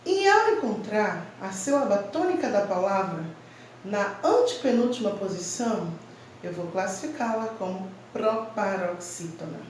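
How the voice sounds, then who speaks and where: A woman teacher walks young pupils through a grammar lesson, speaking slowly and leaning hard on each stressed syllable. Her voice sits some way from the mic in a strongly echoing room, with a faint hum of ambience behind it. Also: medium pitch, very animated, distant mic. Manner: slow, clear, emphatic teacherly delivery, stressing syllables. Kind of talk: online Portuguese grammar lesson for children.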